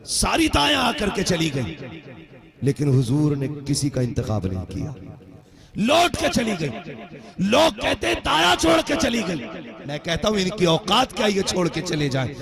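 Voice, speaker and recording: Male preacher, high gravelly voice, sings phrases, loud crowd. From India. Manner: impassioned, sing-song storytelling. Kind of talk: sermon. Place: religious gathering with audience. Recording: noisy crowd at a gathering.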